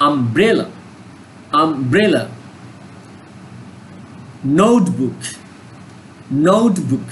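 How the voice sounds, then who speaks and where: A man's voice: sits high, a little hiss or hum, rough recording. Bangladeshi man teaching English. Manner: mixes Bengali and English, repeats words for practice. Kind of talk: online lesson explanation.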